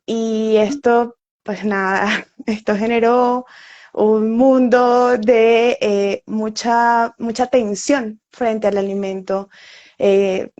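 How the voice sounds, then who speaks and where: Speaking from home in Bogotá, a woman originally from Venezuela, an oncology nutritionist, has a relaxed live-stream chat full of fillers and frequent laughter. Her voice is mellow and medium-pitched, captured with dull, lo-fi sound.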